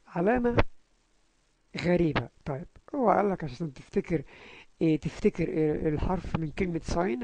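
A man with an Egyptian Arabic accent teaching a language lesson, patiently repeating syllables aloud and slowly spelling out words. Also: sits high, gravelly, darkish tone, a little hiss or hum, rough recording.

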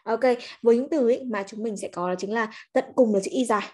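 A woman's voice: fairly high pitch, fast, dark tone. A woman English teacher, giving a chatty livestreamed grammar lesson and coaxing students with frequent check-ins. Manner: chatty, coaxing, peppers speech with "ok" and "nhá".

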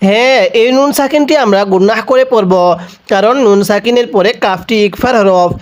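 A man's voice: high-pitched, a little fast. A man from Bangladesh teaching the Quran, patiently spelling out syllables one at a time and asking the listener to read along with him. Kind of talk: slow spelling-out recitation lesson.

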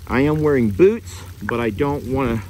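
A man's voice: medium pitch, expressive, moderate pace, dark tone, low-quality recording. Man talking to his viewers, easygoing ranch vlog, handheld phone with light rain and vehicle hum behind. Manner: chatty, talks straight to viewers. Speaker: ranch vlogger. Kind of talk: casual vlog narration. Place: outdoors on a rainy ranch and in a vehicle.

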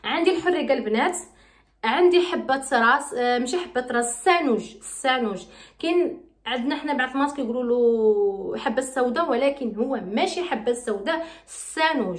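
A woman's voice: sits high, echoey room. A woman from Morocco with a Moroccan Arabic accent, chatting bubbly and repetitive in a beauty vlog. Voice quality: bubbly, chatty, repeats herself. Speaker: beauty vlogger. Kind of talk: casual vlog chat and recipe explanation.

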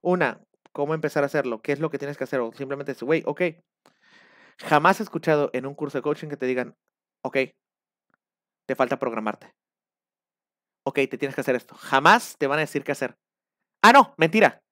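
A man with a Mexican accent talking casually on a live stream, rambling and animated. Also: on the high side, brisk, long pauses, dry recording, clean studio sound. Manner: rambling, animated, acts out shouted quotes.

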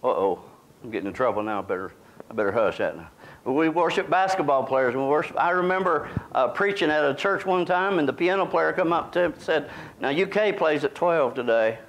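A man's voice: on the high side, lively intonation, a little fast. A middle-aged man, preaching a sermon in a small church in a folksy, conversational way. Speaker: pastor. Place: small church sanctuary, indoors.

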